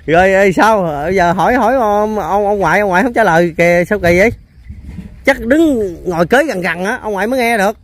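A man's voice: high voice, fairly quick. A man hosting a casual on-location interview, chatty and full of hesitation fillers and repeated words. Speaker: host.

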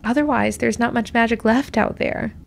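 A woman's voice: a little high, steady tone, normal speed, gravelly, very noisy. A woman narrating a reflective, scripted personal essay in a wistful, musing way, her voice sometimes sinking toward a whisper. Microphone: voice-over. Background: music.

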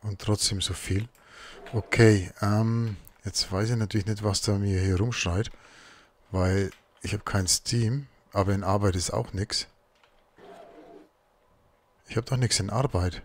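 Let's play host, husky low voice, chatty self-talk, keyboard clicks behind. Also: male voice, steady tone, a little slow, long pauses. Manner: muttering to himself while crafting. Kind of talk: casual gameplay commentary.

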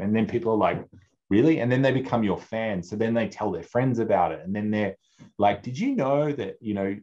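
Low-voiced male guest in his 40s, lively anecdotal delivery, muffled webcam sound. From Australia. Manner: animated, acts out quoted people, many restarts. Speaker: food advocacy director, guest. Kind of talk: casual conversational interview. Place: home office, indoors. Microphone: video call. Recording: dull lo-fi video call audio.

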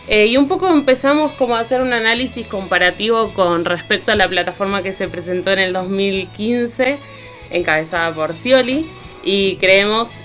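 An Argentine woman offers informal political commentary as a radio show columnist. Her voice is medium-pitched and a bit bright, with a music bed under it.

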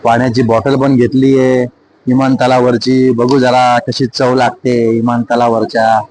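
Man, friendly vlogger talking to camera, mid pitch, clearly noisy airport background. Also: little pitch movement, unhurried, a little mellow. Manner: chatty, addresses viewers as brothers and friends. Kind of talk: casual vlog to camera. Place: busy airport terminal, indoors.

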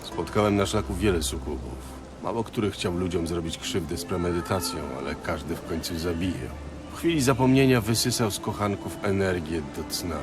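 An actor playing a world-weary monster hunter in a video game, speaking in a dry, laconic way. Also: male voice, sits low, moderate pace, over music, natural voice. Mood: stern. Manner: laconic, dry, matter-of-fact.

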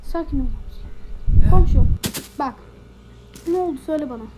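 A woman gaming YouTuber giving jittery, fast-talking gameplay commentary. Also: sits high, very noisy. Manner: jittery, talks fast when frightened. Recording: loud background game music.

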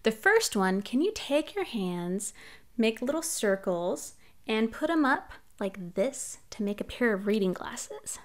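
A young librarian leads a children's storytime with songs and read-aloud, talking cheerfully to young listeners from a small room at home. She speaks at a measured pace in a fairly high, sing-song voice into a large studio mic on a boom arm, with ukulele in the background.

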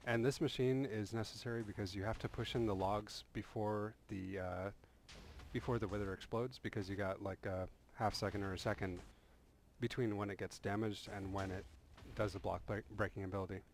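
This game tutorial creator speaks a little fast in a fairly low voice, casually breaking down a build in voice-over. He rambles some, restarting often and leaning on "uh." There's a little hiss or hum.

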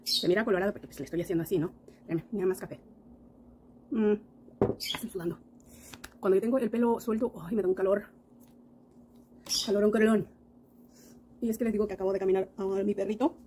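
A woman's voice: medium pitch, fairly even intonation, fast, pauses often, darkish tone, slight background noise, poor audio. A woman chatting through a casual makeup tutorial, talking to her viewers with lots of diminutives. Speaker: makeup vlogger.

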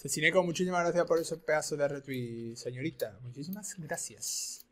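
A man commentating a video game, excitable and repeating his phrases. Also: on the high side, moderate pace, slight background noise. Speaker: streamer. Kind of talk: gaming commentary.

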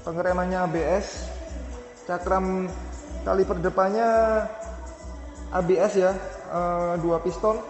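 A man's voice: high-pitched, level tone, measured pace, long pauses, reverberant, big-room sound, soft background music. A man casually showing off a motorcycle, listing its features and specs in a chatty way with fillers and self-corrections. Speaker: motovlogger reviewing a motorcycle. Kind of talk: casual product walkaround.

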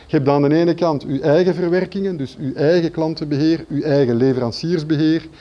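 A middle-aged man with a Flemish accent giving a presentation, explaining step by step with gestures and pausing to search for words. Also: on the high side, steady tone, muffled recording. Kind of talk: business presentation. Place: conference room.

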